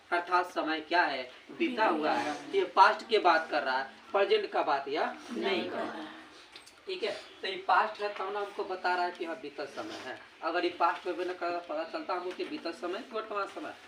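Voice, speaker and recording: A man's voice: high-pitched, sharp tone. A male teacher with a Bihari Hindi accent giving a grammar lesson, asking his own questions and answering them. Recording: echoey room, distant mic, background noise.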